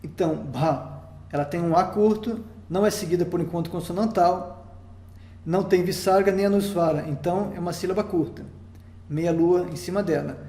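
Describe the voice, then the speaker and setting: Speaking in a high, warm voice with a Brazilian Portuguese accent, this Brazilian Sanskrit teacher works through his lesson one step at a time. He is patient and stops now and then to confirm that everyone is following. A clear echo fills the spacious-sounding recording.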